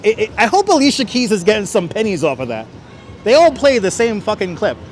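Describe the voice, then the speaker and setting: Slight background noise accompanies this high-pitched man hosting a walking livestream on a city street. Using a clip-on wireless mic, he chats casually with viewers, reads their messages aloud, and keeps chuckling.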